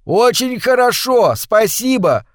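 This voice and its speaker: A man voicing a weary reporter who shouts to be heard, his throat strained and hoarse. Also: fairly high pitch, moderate pace, no room sound, clean studio sound, pitched above the performer's own voice, lightly acted. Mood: shouting, strained. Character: shaken, weary male newspaper reporter shouting over roaring water.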